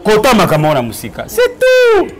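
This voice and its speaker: A man, talking in an animated, preachy way on a casual web TV show. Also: sits high, moderate pace, over loud music. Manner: animated, preachy, mixing Lingala and French. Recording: crowd noise behind.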